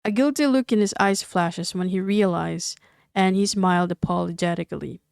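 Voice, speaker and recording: A woman narrating a romance audiobook in an even, unhurried reading. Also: on the low side, gravelly, clean tone, no room sound, studio quality. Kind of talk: scripted narration.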